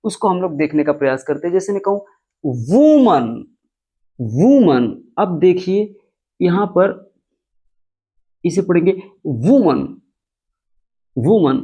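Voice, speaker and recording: A man teaching pronunciation with step-by-step classroom explanations. He repeats each example word slowly and with extra stress, using patient, repetitive teacherly phrasing. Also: sits high. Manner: stretches and stresses example words, repeating them slowly and louder.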